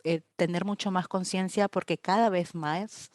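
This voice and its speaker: A woman with a low-pitched voice moderates a panel. She talks in long, careful, conversational sentences, working out her thoughts as she goes. The recording is dry and free of room echo. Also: fairly even intonation, moderate pace, darkish tone. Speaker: panel host.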